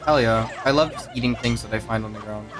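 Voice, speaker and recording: A man's voice: fairly low pitch, fast talker, music in the background, a crowd in the background. A man co-streaming a video game in casual chat, laid-back and answering with short dry quips.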